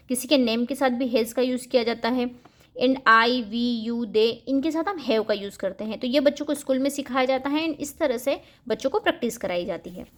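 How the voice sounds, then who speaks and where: A woman hosting a home-schooling channel, explaining a first-grade English syllabus to parents and reading example sentences out slowly. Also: high voice. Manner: mixes Hindi with English words, reads example sentences slowly.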